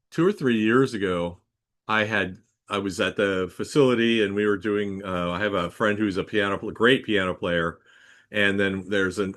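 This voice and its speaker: A man hosts a relaxed interview and tells his own stories. His voice sits fairly low, and he pauses with "um" and "uh" as he goes. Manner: measured storytelling with "um" and "uh" pauses. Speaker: podcast host, also plays Santa. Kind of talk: casual interview conversation.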